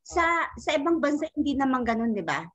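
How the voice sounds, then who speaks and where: A woman's voice: high-pitched, sing-song, a little fast, a bit bright, dry recording, dull audio. A woman, reflecting in casual chat and asking rhetorical questions. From Philippines.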